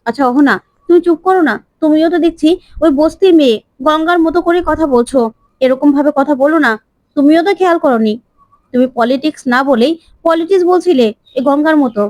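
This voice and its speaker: A bossy elder sister-in-law talks down to the others in quick, high, scornful lines, as a woman narrator puts her on. The voice sits dry and close to the mic. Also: a little mellow, dry recording, natural voice.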